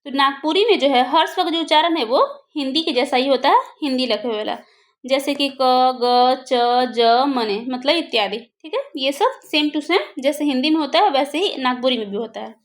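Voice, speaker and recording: A woman's voice: high voice, lively intonation, fairly quick. A woman teaching a grammar lesson for exam preparation, who asks questions and answers them herself.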